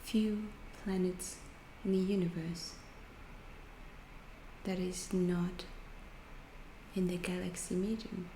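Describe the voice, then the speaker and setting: In an ASMR roleplay, a woman plays a calm, inquisitive alien researcher, her lowish voice soft, breathy and often whispered. She delivers slow, halting, deliberate phrases in a clinical, detached way. There's a roomy echo and faint background noise.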